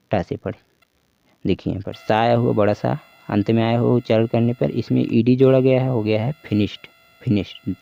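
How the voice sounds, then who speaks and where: Gravelly man teaching pronunciation, lo-fi sound. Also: mid-range voice, dark tone. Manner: repetitive, checks in with "ठीक है" and "देखिए". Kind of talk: explanatory lesson over slides. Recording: dull lo-fi home recording.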